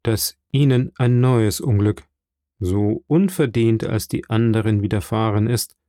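A man's voice: fairly low pitch, fairly even intonation, unhurried, dark tone, dry recording, clean studio sound, natural voice. Man reading as a reserved, composed foreign agent. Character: calm, reserved male English agent.

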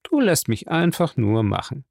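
A man's voice: mid-range voice, huge pitch swings, normal speed, gravelly, a little mellow, no room sound, studio quality, heavily acted. A man voicing a greedy, scheming male ex-convict who needles and wheedles, in a storybook reading.

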